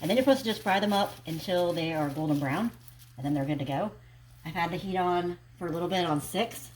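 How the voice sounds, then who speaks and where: Low-pitched woman in casual cooking vlog. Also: fast talker, a little mellow, rough recording. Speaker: food review vlogger. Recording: faint kitchen noise, frying sizzle.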